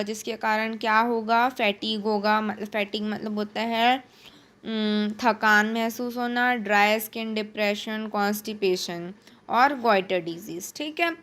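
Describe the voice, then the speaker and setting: A woman from Chhattisgarh, India, giving an exam-prep lecture. She reads English notes slowly, then explains quickly in Hindi, asking and answering her own questions. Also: fairly high pitch. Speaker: teacher.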